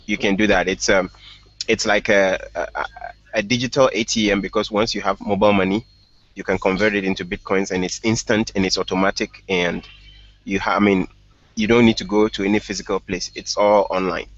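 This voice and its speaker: A man, a startup founder, talking casually on an online call, relaxed, laughing often and pausing with fillers. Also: on the low side, no echo. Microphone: headphones with mic on a call. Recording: dull lo-fi online call audio.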